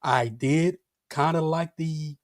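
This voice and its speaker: A man's voice: a little high, takes it slowly, no echo. Rambling man with a dry close sound. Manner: rambling, laughs between points, many fillers. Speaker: show panelist. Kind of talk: casual chat.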